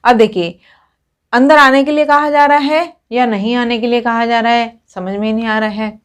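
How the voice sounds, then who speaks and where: Woman, somewhat high-pitched, grammar teacher, step-by-step explanations, repetitive openers. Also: steady tone, moderate pace. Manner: explains step by step, repeating a stock opener before each point. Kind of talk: classroom grammar lesson.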